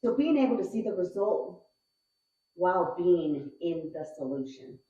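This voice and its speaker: A woman from Houston speaking as a panel guest, measured and reflective. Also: lowish voice, animated, warm tone. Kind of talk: casual panel talk. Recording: echoey, dull-sounding room.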